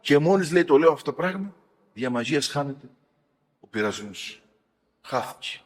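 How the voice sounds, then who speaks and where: A man, a priest, retelling stories of elders in an animated sermon, swinging between loud and soft. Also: on the high side. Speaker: priest giving talks. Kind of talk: sermon-like storytelling talk. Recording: long hall reverb.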